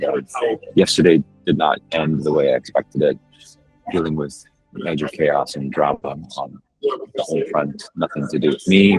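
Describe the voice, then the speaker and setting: A man hosting a group video call, sharing candidly and emotionally, halting and pausing often. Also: a bass voice, husky, rough recording. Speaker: host of a morning group call.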